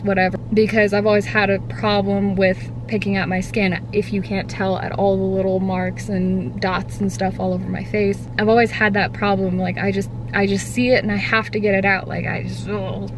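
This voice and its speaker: A casual, rambling to-camera vlog shows a woman in her twenties in a parked car, a bit puffy-cheeked after wisdom teeth removal. Her mid-range voice stops and starts, packed with fillers and frequently trailing off. She's filmed by a camera or phone at arm's length on the dashboard, with the car's hum clearly in the background.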